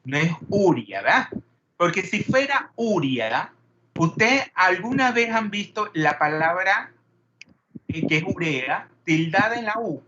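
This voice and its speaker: A man's voice: high-pitched, sing-song, takes it slowly, lo-fi sound, noisy background. A man teaching a chemistry class, peppering students with questions and wandering into digressions. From Panama. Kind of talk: classroom lecture.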